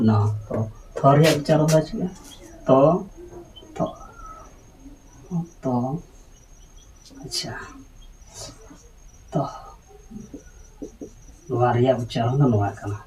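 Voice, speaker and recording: A man's voice: medium pitch, quick pace, a little mellow, recorded from a distance, a little hiss or hum, low-quality recording. A man teaching pronunciation letter by letter, patiently repeating each sound and checking that his listeners follow. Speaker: language teacher.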